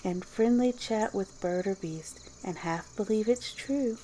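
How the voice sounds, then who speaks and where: A woman narrates a storybook in a whispered ASMR style. Her tone is soft and dark at a middling pitch, with faint ambient noise behind her. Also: a little slow, low-quality recording. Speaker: storybook reader.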